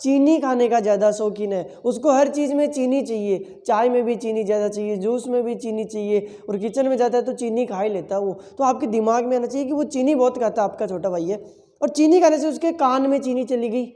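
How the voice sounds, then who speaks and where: A man's voice: very high voice, fairly quick, dark tone, in a large hall. A male teacher giving an exam-prep lesson full of memory tricks, asking questions and answering them himself and repeating key words several times.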